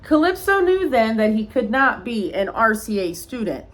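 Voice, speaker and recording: A woman with a slightly high voice reads a rhyming picture book aloud at a moderate pace, like a teacher. She tells the story expressively and adds small asides to the young children listening.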